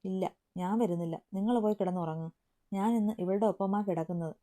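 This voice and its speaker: Woman voicing a stubborn feisty young woman, loud protesting manner, storybook tale, dark mellow tone. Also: mid-range voice, brisk, lightly acted.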